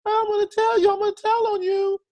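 A man's voice: very high voice, little pitch movement, a little fast, no echo, voice pushed up. A man putting on the voice of a whiny child tattletale who keeps threatening to tell on someone. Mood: taunting. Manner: sing-song, shouty taunting.

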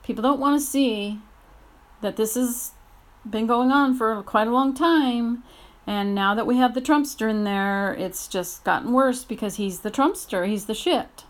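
A woman's voice: a little high, unhurried. A woman delivering an angry, blunt personal rant at home at night, swearing and rising into outbursts. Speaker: audio blogger.

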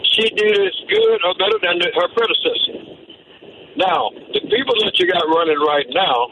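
A man calls in over the phone with a voice that rides high and swoops animatedly. He stops and repeats himself as he builds his argument. The tinny phone line is buried in loud noise. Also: vocal fry. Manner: hesitant, repeats words while building his point. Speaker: radio show caller. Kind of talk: call-in opinion.

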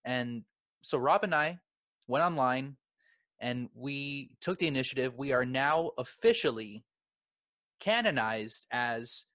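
A man's voice: mid-range voice, expressive, slow, bright, forceful tone, no room sound. A man co-hosting a comedy podcast in an impassioned, self-righteous, mock-serious way. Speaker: podcast co-host.

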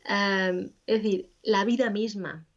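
Woman, interview guest, expressive explainer, slightly muffled recording. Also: mid-range voice, slow. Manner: animated, acts out quoted inner voices. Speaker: interview guest, grief specialist. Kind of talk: conversational explanation.

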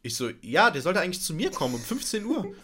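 A man's voice: high-pitched, fast talker. A man co-hosting a podcast, casually telling an anecdote and acting out his own reactions. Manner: animated, acts out his own reactions with frequent laughter. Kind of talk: casual storytelling chat.

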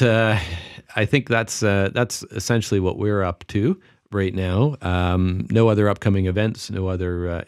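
A man's voice: sits low, a little mellow, no room sound, clean studio sound. A tired man co-hosting a podcast, chatting casually and rambling with lots of fillers. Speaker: podcast co-host. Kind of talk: casual chat.

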